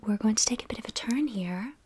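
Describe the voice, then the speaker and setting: A young woman whispering in an ASMR style, soft and intimate, close to the microphone, lingering on and repeating words. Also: fairly high pitch, animated, brisk, noisy background. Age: young adult. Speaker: ASMR video host.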